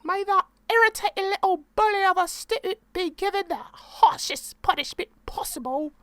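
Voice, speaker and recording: This is a shrill, stuck-up English lady from a courtroom game, as a woman puts her on with a mock-posh lilt. Her voice sits far above a normal speaking pitch and swings widely, every word dripping with disdain. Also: lively intonation, moderate pace, fairly bright tone, dry recording. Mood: snooty. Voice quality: mock-posh, exaggerated high voice. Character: haughty snobbish English lady witness. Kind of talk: reading game dialogue aloud.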